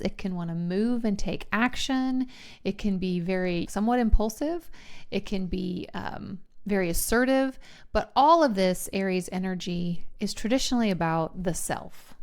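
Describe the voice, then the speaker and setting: A woman's voice: mid-range voice, darkish tone, clean tone. A woman with a Texan accent co-hosting a casual podcast, talking through astrology in a chatty way with restarts and easy laughs. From Texas. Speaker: podcast co-host. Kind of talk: casual chat about astrology.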